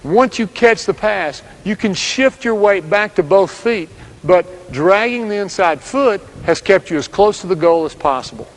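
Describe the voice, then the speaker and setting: A man giving scripted instructional narration as a basketball coach, speaking in steady, direct commands. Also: high voice, measured pace, low-quality recording.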